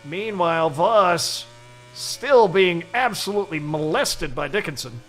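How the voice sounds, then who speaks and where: A man with a high voice calls an online motorbike race, and he perks up fast whenever something goes wrong on track. A faint hiss of noise sits under him. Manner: excitable, quick to exclaim at incidents. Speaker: play-by-play commentator. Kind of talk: sim racing commentary.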